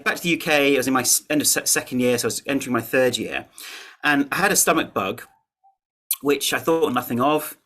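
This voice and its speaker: Man, podcast guest, earnest, halting, mid-pitched. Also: pushed and bright. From England. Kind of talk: interview, personal story.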